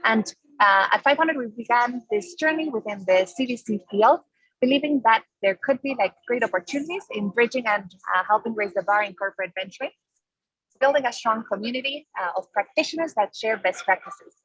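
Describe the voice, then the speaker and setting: Husky-voiced woman hosting a welcome. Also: fairly high pitch, lively intonation, fairly quick, a bit bright, dry recording, rough recording. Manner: upbeat, formal welcome with occasional fillers. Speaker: event host introducing the session. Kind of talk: scripted welcome introduction.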